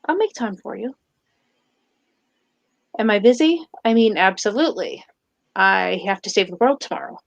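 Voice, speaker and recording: A woman in a tabletop role-play, narrating her character's actions and speaking as her, with halting restarts and fillers. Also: mid-range voice, animated, gravelly, dry recording.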